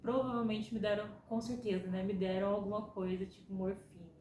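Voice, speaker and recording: A woman's voice: mid-range voice, a little fast, roomy sound, slight background noise, low-quality recording. A young Brazilian woman telling a personal story in a chatty way, acting out the lines of people she quotes. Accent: Brazilian Portuguese. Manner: relaxed, chatty, acts out quotes. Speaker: vlogger.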